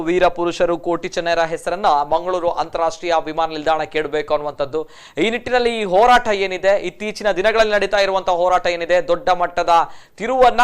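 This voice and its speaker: Male news reporter, high and clear, formal and phrase-repeating. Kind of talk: news report and phone interview.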